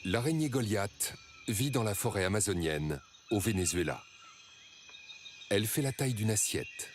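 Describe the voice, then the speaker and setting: A man reading scripted nature documentary narration in a measured, dramatic storytelling way. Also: on the low side, animated, soft background music.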